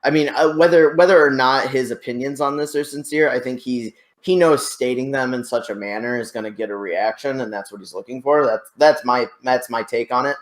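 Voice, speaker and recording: A man's voice: medium pitch, brisk, few pauses. A man hosting a casual online debate, explaining things in a hesitant, hedging way over a computer microphone on a voice call. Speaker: show host.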